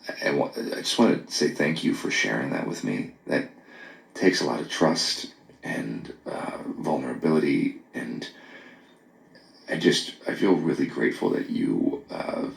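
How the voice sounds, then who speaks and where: A man leaving a late-night voice message on his phone, earnest and apologetic, talking haltingly with many pauses and restarts. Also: very deep voice, creaky. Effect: voice message recorded on a phone. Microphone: phone held close. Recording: echoey phone voice memo.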